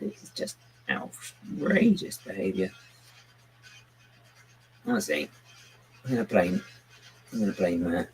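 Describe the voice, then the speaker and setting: A man's voice: fairly low pitch, creaky, fairly bright tone, a little hiss or hum, rough recording. A man rambling casually to his livestream chat while he builds, self-mocking and chuckling often. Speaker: livestream host building with bricks.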